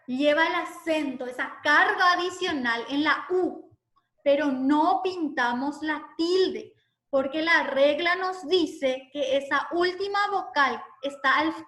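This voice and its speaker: Woman teacher, patient step-by-step explainer, high voice, echoey room. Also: a bit bright. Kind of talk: online class explanation.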